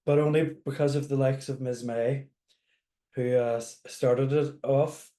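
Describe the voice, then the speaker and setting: A man's voice: medium pitch, fairly even intonation, unhurried, dark tone. A man interviewing someone in a casual, conversational way. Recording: echoey room.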